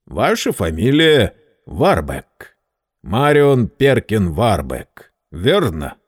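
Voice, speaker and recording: A big, polite gangster lawyer, voiced by a male narrator speaks in slow, deliberate tones full of quiet menace. His voice sits low, and the recording is close and dry. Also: huge pitch swings, breathy edge, no room sound, heavily acted. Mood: coolly menacing.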